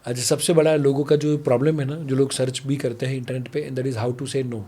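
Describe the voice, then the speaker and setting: A man's voice: medium pitch, flat delivery, brisk, warm tone, husky. A man from India, a parenting coach, talking on a podcast and acting out dialogues between parent and child. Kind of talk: podcast conversation, Hindi-English mix.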